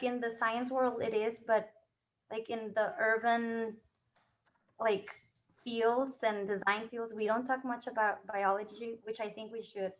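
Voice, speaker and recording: A woman's voice: on the high side, low-quality recording. A woman co-hosting an online talk who asks questions eagerly and fills her speech with "like". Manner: eager, many "like" fillers. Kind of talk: video call chat.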